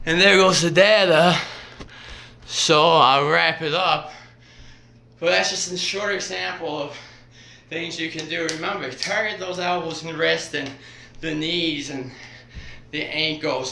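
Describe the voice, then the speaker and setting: A man talking casually while demonstrating stretches, out of breath and rambling in halting phrases strung together with "and". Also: fairly high pitch, pushed and bright. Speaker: vlogger. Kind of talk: casual exercise demonstration vlog. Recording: roomy echo, faint background hiss.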